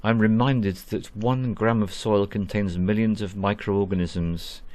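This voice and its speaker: A man narrating his spiritual experience in a slow, calm, earnest way from a small room at home. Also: on the low side, no echo. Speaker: spiritual vlogger.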